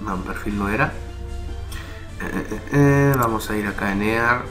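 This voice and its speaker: A man with a somewhat low voice narrates a screen recording, walking viewers through a website in a relaxed, explanatory way. He keeps checking in with quick asides to his audience. Music plays clearly beneath his desktop-mic voice. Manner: casual, explanatory, frequent "¿ya?" and "¿vale?" check-ins. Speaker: tutorial host. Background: background music.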